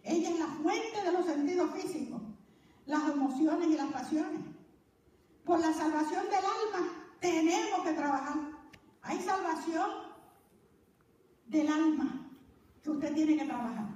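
A woman with a high voice leads a church Bible class, lively and joking, with the ring of a preacher. Her voice comes from a distance in a very echoey church hall, with a faint hiss of noise underneath. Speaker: Bible course teacher.

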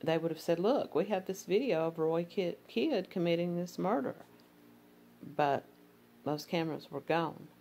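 A woman's voice: fairly low pitch, expressive, normal speed, warm tone. A woman with an Appalachian accent narrating a true crime case, reading court filings and commenting in a conversational way with fillers.

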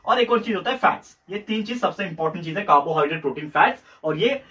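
A young Indian tutor gives a whiteboard lesson in a Hindi-English mix, his high, expressive voice sharp in tone and a little hoarse, so he clears his throat now and then. He talks fast and repeats himself, checking in often with "theek hai." The camera sits at a distance in the room, giving dull, lo-fi sound.

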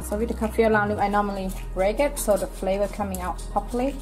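A woman's voice: mid-range voice, fairly even intonation, fast talker, a little mellow. A woman from Thailand giving practical cooking tips in plain, simple English with background music playing. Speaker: co-host, cook. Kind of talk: casual cooking vlog.

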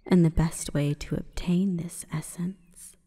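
In a breathy, whispering ASMR roleplay, a woman plays a calm, imperious forest goddess, her delivery stately and measured. Her voice sits on the low side and sounds cold and commanding, with a long reverberant echo.

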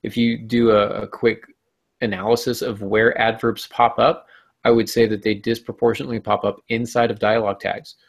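Podcast host guy, kinda gravelly, chatty and wry, breaking down writing advice. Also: on the low side, flat delivery, normal speed. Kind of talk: casual podcast chat about writing.

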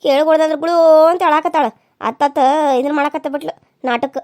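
A woman's voice: high-pitched, steady tone, fairly quick. A woman voicing a jealous, taunting elder sister-in-law in a cartoon serial, with a North Karnataka Kannada accent. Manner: sharp, taunting.

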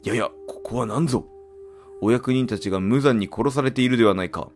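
A man's voice: medium pitch, fairly quick, lightly acted. A man voicing a stern, protective senior onmyoji in a game, with solemn, archaic, commanding speech. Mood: alarmed. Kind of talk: game dialogue read in character. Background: game music.

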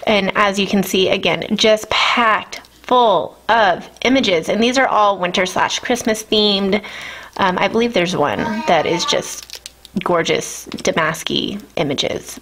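A woman's voice: mid-range voice, a bit bright, a little hiss or hum. Gushing woman reviewing nail products. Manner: gushing, enthusiastic. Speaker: nail art vlogger. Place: home. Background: children.

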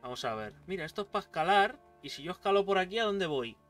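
Excitable man, Spain Spanish accent, high bright voice, let's play commentary, sits back from the mic over game music. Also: quick pace, far from the mic. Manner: excitable, swears and yells at the game. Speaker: gaming YouTuber.

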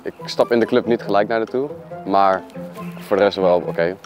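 A man's voice: sits low, fairly quick, lo-fi sound. A young man, a dating show participant, chatting casually outdoors in short, laid-back answers. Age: young adult. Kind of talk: casual chat. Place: outdoors on streets. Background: music.

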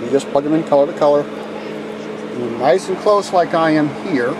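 Recorded on a handheld camcorder with background noise, this DIY video maker gives a casual how-to demo in a motor home. His voice is a little high and his pace moderate, and he talks plainly and folksily, full of fillers and restarts.

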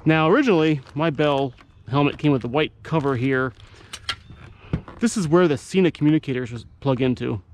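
A motovlogger casually narrates a how-to while showing off his gear setup. His voice is fairly high and fairly quick, with slight background noise.

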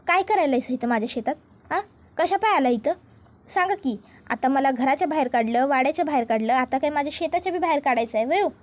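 A woman's voice: high voice, expressive, fast talker. A woman doing a feisty rustic village girl. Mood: defiant scolding. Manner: blunt rustic village speech, scolding. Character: feisty young village woman farmer, defiant.

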